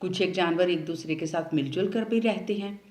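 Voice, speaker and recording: A woman telling a children's story, speaking directly to the young listeners in an animated way. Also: fairly low pitch, normal speed. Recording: roomy echo.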